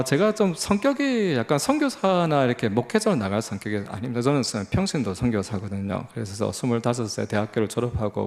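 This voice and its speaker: With a low, creaky, somewhat mellow voice and a Busan (Gyeongsang) accent, a man in his forties from Busan, South Korea, speaks from a church sanctuary. He's a lay missionary sharing his story as a sermon and testimony, humble and homespun, stumbling through fillers and false starts.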